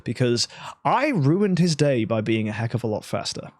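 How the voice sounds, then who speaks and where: A man calling a mobile game tournament as lead caster, talking fast and shouting at the big plays. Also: mid-range voice, sing-song, dry recording. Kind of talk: live esports commentary.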